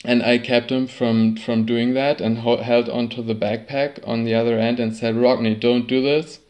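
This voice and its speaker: A man telling a personal sailing story in a halting way, often repeating and restarting words. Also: mid-range voice, little pitch movement, darkish tone. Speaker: sailor recounting a trip.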